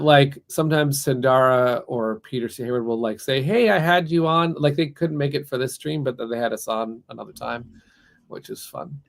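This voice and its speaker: A male board game publisher hosts a relaxed livestream chat. His voice has a gravelly fry, and he talks in an excitable, rambling way, restarting sentences as he goes. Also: mid-range voice.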